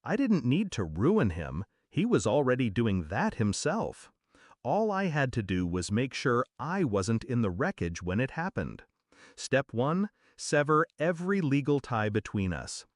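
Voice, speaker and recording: Man narrating a tale with lively pitch. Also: no echo, studio quality. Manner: measured, dramatic storytelling. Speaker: story narrator. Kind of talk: scripted first-person story narration.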